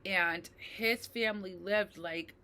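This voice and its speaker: A woman's voice: mid-range voice, slow, sharp tone, clear, resonant tone. A middle-aged woman, a mental health advocate, speaking emotionally and personally to her viewers, with many fillers and tag questions. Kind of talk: personal talk to camera.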